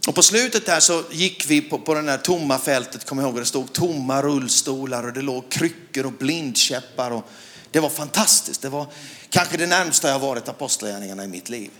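A middle-aged Swedish man with a mid-range voice preaches a sermon built around a personal story. His delivery is animated, rising to loud shouts as he asks the crowd questions.

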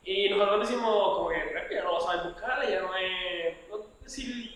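A podcast guest, a man with a high voice, tells a story loosely and laughs along with it. He sounds far from the microphone, in a very echoey room with faint noise behind him. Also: brisk, fairly bright tone. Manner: loose storytelling, laughs at his own tale. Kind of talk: casual chat. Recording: roomy echo, far from mic, faint noise.

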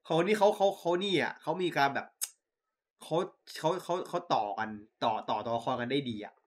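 A man in casual chat about a TV show, excitable and swearing often, acting out lines from scenes. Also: mid-range voice, normal speed. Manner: excitable, swears a lot, acts out scene quotes. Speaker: podcast co-host. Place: voice chat call.

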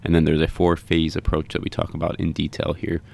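A man hosting a podcast interview, talking in a halting way and often repeating words. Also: extremely low pitch, monotone, creaky, a little mellow. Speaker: podcast host.

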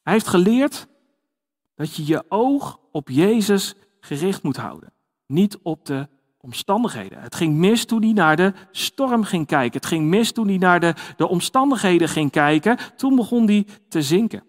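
High-voiced man preaching in a reverberant hall. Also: sing-song, normal speed. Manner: conversational, with frequent fillers and restarts. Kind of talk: sermon.

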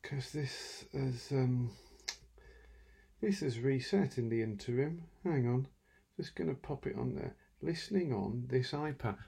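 A man talking quietly and wryly at night from a room in his house, hosting a solo radio show with lots of asides and restarts. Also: mid-range voice, measured pace, gravelly, breathy edge. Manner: self-deprecating, wry, full of asides and restarts; talking quietly, half-whispering at times. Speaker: radio host. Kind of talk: rambling late-night solo radio chat.

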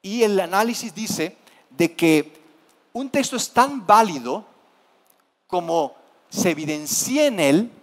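A Mexican man preaching a sermon as pastor, telling the story with lively acted-out voices. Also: slow, pauses often. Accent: Mexican Spanish. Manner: animated storytelling, acting out scared disciples in high cries. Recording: long hall reverb.

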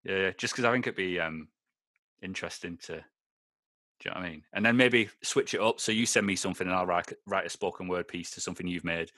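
Sweary Scottish man, low dry voice. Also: fast talker, sharp tone, no echo. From Scotland. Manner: rambling, sweary, laughs often. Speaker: podcast host. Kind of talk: casual chat.

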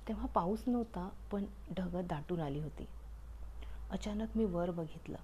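A woman storyteller hosting a radio program, narrating in a playful, expressive first-person voice. She speaks slowly, in a mellow, warm tone. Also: lowish voice, slight background noise. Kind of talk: scripted short story narration.

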